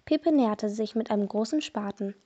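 A woman's voice: mid-range voice, normal speed, breathy edge, muffled recording. Woman reading a children's mystery. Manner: steady storybook narration. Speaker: podcast reader.

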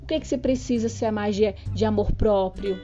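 A woman's voice: mid-range voice, fairly quick, mellow. A woman hosting a spiritual self-help podcast, talking straight to the listener in an earnest, preachy way. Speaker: podcast host. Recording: dull lo-fi sound with faint music.

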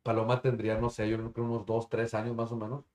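A man with a Mexican accent tells stories in a loose, slangy chat, cursing casually and acting out the scenes he describes. His medium-pitched voice carries a noticeable room echo around it. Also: quick pace. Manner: swears freely, slangy, animated retelling. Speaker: storyteller in a podcast chat. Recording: roomy echo.

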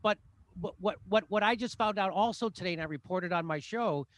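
A man who hosts his own show, making a point in a hurried way with stumbling repetitions. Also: sits high, dry recording. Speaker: political show host guest. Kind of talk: casual political discussion.

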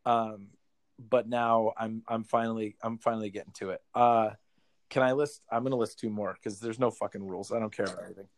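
A man's voice: lowish voice, steady tone, brisk, no echo. A young man chatting casually from his bedroom at home, rambling, swearing freely and laughing often. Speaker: musician guest. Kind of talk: casual podcast chat.

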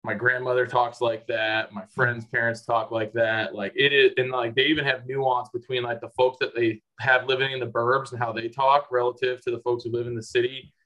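A man's voice: medium pitch, flat delivery, a little fast, few pauses, sharp tone, lo-fi sound. A man from the Chicago suburbs, co-hosting a podcast in casual chat, rambling with lots of restarts. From Chicago suburbs, USA.

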